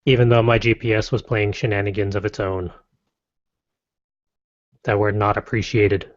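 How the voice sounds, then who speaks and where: A man hosting a casual podcast, reading lists briskly and adding wry, playful asides. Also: lowish voice, fairly even intonation. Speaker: podcast host. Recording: dull lo-fi dry podcast audio.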